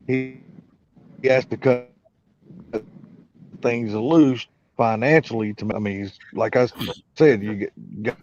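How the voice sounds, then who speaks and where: A man's voice: medium pitch, darkish tone, no room sound, lo-fi sound. A man chatting casually on an online call, his voice cutting in and out over a bad Wi-Fi connection as he halts and restarts his words. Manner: halting, repeats and restarts words.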